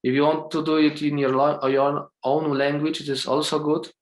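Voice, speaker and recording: A man leading a calm guided meditation over a video call, speaking English with non-native phrasing and checking in gently with a soft "okay?". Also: a little high, normal speed. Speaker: meditation teacher. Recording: roomy video call sound.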